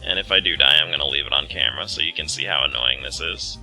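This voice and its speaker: A man's voice: very deep voice, fast, pushed and bright, soft background music, poor audio. A man hosting a let's play with casual, rambling, self-deprecating game commentary.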